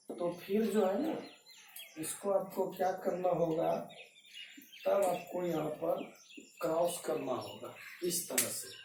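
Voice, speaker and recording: A man's voice: high voice, creaky, warm tone, slight background noise. A man teaching an English grammar lesson at a board, explaining patiently and repeating himself with rhetorical questions to his students. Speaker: English tutor. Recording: roomy echo, voice from a distance.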